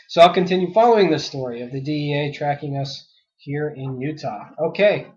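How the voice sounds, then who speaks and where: A man's voice: a little high, moderate pace, dull audio. Indignant male podcast host, slightly sick. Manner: indignant, reads articles aloud then rants, many uh fillers. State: sick with a cough. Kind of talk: solo news commentary podcast.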